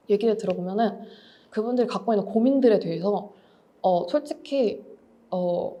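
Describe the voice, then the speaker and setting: A woman's voice: mid-range voice, darkish tone. A woman in her thirties, an author and writing teacher, giving a candid, reflective talk and explaining with everyday examples. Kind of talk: lecture talk.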